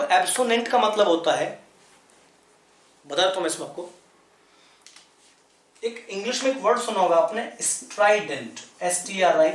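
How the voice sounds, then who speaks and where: A man's voice: high voice, fairly bright tone, echoey room. A man teaching English vocabulary in a lesson, repeating words, spelling them letter by letter and asking rhetorical questions. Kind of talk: explanatory classroom lesson.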